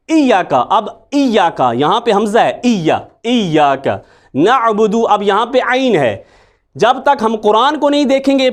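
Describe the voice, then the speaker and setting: A man, teaching a Quran recitation lesson and patiently repeating sounds to show them. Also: sits high. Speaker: religious teacher.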